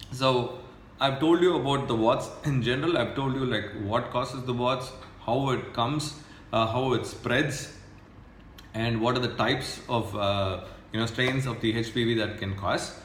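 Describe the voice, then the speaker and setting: A man, a doctor explaining a health topic in a measured way with many filler uhs. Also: mid-range voice, fairly bright tone. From India. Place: indoor room with ceiling lights. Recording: echoey room, faint background noise.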